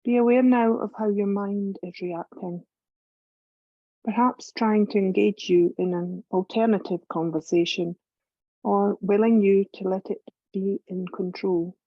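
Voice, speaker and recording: Leading a guided meditation, a female yoga teacher speaks calmly and steadily in a mid-range voice, pausing at length between gentle cues. The audio lacks room sound and comes across dull.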